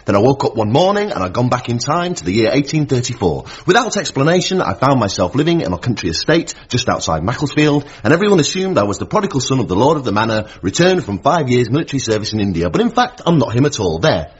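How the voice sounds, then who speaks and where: A man's voice: mid-range voice, sing-song, quick pace, hardly any pauses, breathy edge, highs cut off. An actor in his thirties playing an exasperated, sarcastic modern man stranded among the gentry in a radio comedy. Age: 30s. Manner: sarcastic, world-weary. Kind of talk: radio comedy drama acting.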